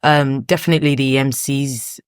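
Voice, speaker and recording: A woman's voice: extremely low pitch, steady tone, normal speed, smooth, no echo, clean studio sound. A woman caterer, a guest on a chat show, speaking firmly and plainly about how she runs her business. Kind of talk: casual interview chat.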